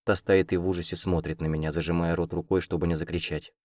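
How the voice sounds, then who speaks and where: Low-voiced guy reading a fantasy novel aloud, dry close sound, steady. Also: fast talker, no room sound. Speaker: audiobook narrator. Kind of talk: scripted first-person narration.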